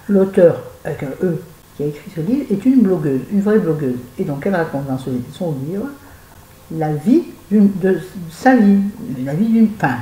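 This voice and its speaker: Chatty home vlogger, a woman with a mellow voice, rambling book review in a roomy space. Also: sits low. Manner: chatty, digressive, addresses viewers directly. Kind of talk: casual book review to camera. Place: at home with a fan nearby.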